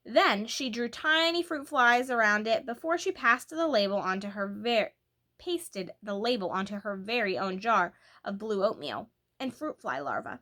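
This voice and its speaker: A woman reads a children's book aloud like a storyteller, at medium pitch and normal speed. Her expressive, animated delivery leans on key words.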